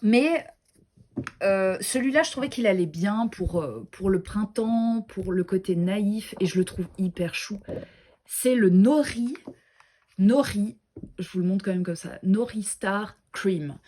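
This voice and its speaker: A woman's voice: medium pitch, slow pace, dark tone, a little hiss or hum. Chatty woman gushing over card decks. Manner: chatty, gushing, self-deprecating, many fillers and restarts. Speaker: tarot and oracle deck reviewer. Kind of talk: casual show-and-tell chat.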